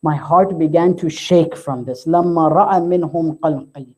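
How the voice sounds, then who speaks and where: A man giving a mourning sermon as a majlis speaker, impassioned, his voice climbing high in grief as he quotes Arabic. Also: fast, a little mellow.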